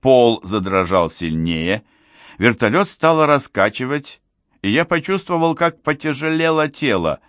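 A man narrating a first-person adventure novel in a measured storytelling manner. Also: medium pitch, sing-song, fairly bright tone, dry recording, clean studio sound. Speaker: audiobook narrator.

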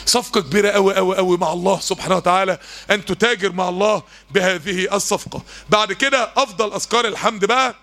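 An Egyptian man gives a mosque lesson at a quick clip. His voice sits high and sounds bright and forceful, and he drives each point home with rhetorical questions and emphatic repetition. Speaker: preacher.

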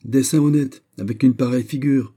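A man voicing an indignant elderly noblewoman who scolds in loud, shrill outbursts in a storybook reading. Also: lively intonation, moderate pace. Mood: outraged.

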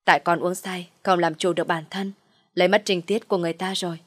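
A woman's voice: lowish voice, little pitch movement, fast, no room sound, clean studio sound, natural voice. A woman voicing a polite, gullible young man who stammers and speaks earnestly.

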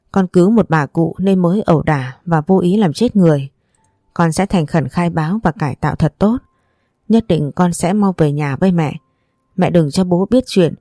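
A woman's voice: on the low side, dark tone, no room sound, studio quality, natural voice. A woman voicing a young male soldier, a remorseful son, in a choked, pleading tone. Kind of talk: storybook dialogue reading.

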